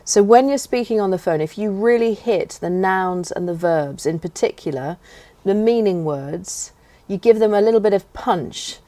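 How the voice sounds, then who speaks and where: A woman speaking as a guest in an interview about speaking skills, animated and hitting her words for emphasis. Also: mid-range voice, normal speed, no echo. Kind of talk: conversational interview. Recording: very dry close sound.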